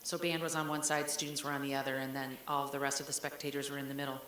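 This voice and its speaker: A woman's voice: extremely low pitch, flat delivery, racing, fairly bright tone, slight background noise. A woman superintendent giving a speech, telling a story in a conversational way with fillers. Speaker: school superintendent. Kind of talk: speech to an audience. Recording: roomy hall sound.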